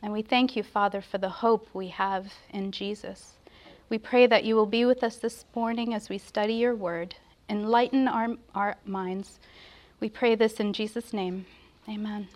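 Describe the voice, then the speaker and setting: A woman's voice: medium pitch, steady tone, normal speed, a little mellow. A woman giving an earnest, reverent sermon at a pulpit microphone, with a prayer and scripture study. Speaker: preacher.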